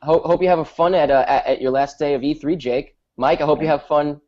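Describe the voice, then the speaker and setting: Fast-talking man, dull lo-fi audio. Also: fairly high pitch, steady tone, darkish tone. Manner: hurried, stumbling sign-off. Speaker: podcast host signing off. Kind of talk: casual chat.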